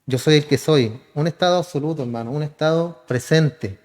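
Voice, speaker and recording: Pastor preaching in a reverberant hall. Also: male voice, a little high, moderate pace, darkish tone. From Chile. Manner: addresses listeners as "hermano", asks and answers his own questions. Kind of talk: sermon.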